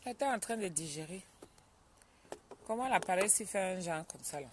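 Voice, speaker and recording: A woman hosting a casual live stream from home, chatting with viewers, greeting them by name and breaking off to calm a child. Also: on the low side, moderate pace, slight background noise.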